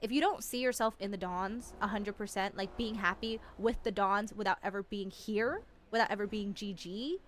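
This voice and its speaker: A woman's voice: mid-range voice, normal speed, hardly any pauses, a little hiss or hum. A woman in an in-character roleplay chat, giving earnest advice full of "like" and restarts. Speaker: roleplayer in a gang.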